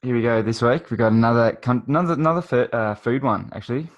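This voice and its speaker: A teenage Australian man with an average-pitched voice. He hosts a casual podcast. His way of talking is informal and matey. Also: fast talker, lo-fi sound. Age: late teens. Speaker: podcast host. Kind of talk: casual interview chat.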